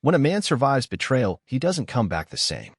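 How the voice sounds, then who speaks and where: Husky-voiced man narrating a calm story. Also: medium pitch, normal speed, dry recording, clean studio sound. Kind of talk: scripted first-person narration.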